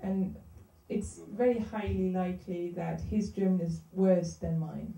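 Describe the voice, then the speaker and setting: A woman with a very dark, mellow tone gives a plain, steady interpretation of a sermon, now and then correcting herself mid-word. Her voice is distant and roomy, as if caught by a mic across a hall. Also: fairly low pitch, measured pace, gravelly. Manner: plain retelling with small self-corrections.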